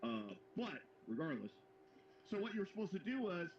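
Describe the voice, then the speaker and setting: A man's voice: high-pitched, big pitch swings, normal speed. A man co-hosting a live hobby show, telling a long, rambling anecdote with many restarts. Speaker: co-host of a live modeling show. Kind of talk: casual chat, storytelling. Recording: roomy, dull sound with faint background noise.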